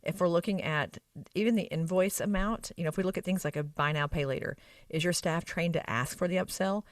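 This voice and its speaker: Speaking fairly quickly in a lowish voice, an Arkansas woman with a Southern accent explains medical spa operations as a guest expert. She's emphatic and conversational, frequently adding brief tag questions to check in. The mic is distant, but the recording is dry and studio-clean.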